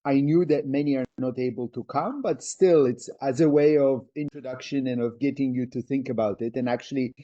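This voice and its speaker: A man's voice: medium pitch, a little fast, few pauses, mellow, highs cut off. A man hosting an interview podcast, talking in a reflective, explanatory way. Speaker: podcast host. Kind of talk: conversational interview.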